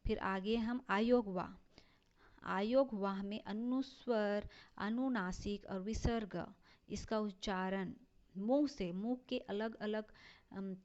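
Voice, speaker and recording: A woman teacher, slowly explaining a lesson and drawing out her example words. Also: mid-range voice, darkish tone. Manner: slow, deliberate, stretches out example words. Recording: dull lo-fi recording.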